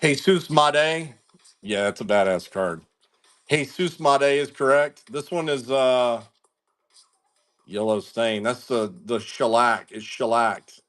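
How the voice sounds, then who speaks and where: A man's voice: mid-range voice, slow pace, fairly bright tone. A man hosting a live card-breaking stream, chatting casually in slang and greeting viewers by name. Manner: laid-back, slangy, talks to viewers by name. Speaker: card-breaking livestream host.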